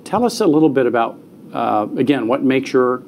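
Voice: medium pitch, animated, fairly quick, a little mellow, slight background noise. Encouraging podcast host interviewing a guest.

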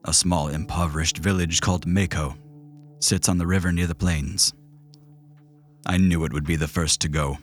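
A man as game master voicing a remorseful male leader, heard as a distant memory voice that draws closer, slow, grave and reflective. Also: low-pitched, fairly even intonation, soft background music. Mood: somber. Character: remorseful male leader recalling a past decision. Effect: distant memory voice drawing closer.

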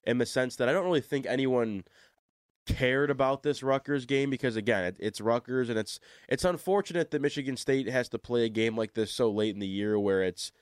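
Speaking briskly at a medium pitch, this young American man sounds stuffy-nosed and congested, like his nose is plugged, as he chats through a casual sports talk radio show and pokes fun at himself. His tone is clean. He's on a desk studio microphone in a radio studio, and the recording is dry with clean studio sound.

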